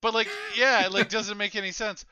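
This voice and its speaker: A man co-hosting a podcast, talking in animated casual chat with lots of filler words. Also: high-pitched, quick pace, smooth, no room sound. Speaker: podcast co-host.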